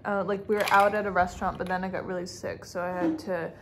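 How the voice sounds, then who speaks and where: A young woman chatting casually in a travel vlog, relaxed as she tells a story. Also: fairly low pitch, quick pace, a little hiss or hum. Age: young adult. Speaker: vlogger.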